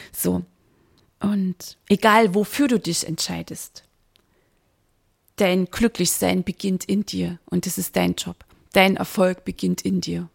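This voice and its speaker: With a fairly low, husky and creaky voice, this woman podcast host urges listeners on in an emphatic monologue. As a business mindset coach, she addresses them head-on and hits key words hard.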